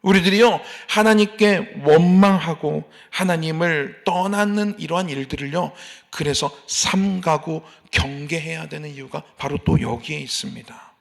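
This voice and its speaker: A man's voice: on the high side, measured pace, vocal fry, few pauses. A man preaching a sermon as pastor at an early morning church service, rising into emphatic appeals and acting out complaining believers. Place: church sanctuary.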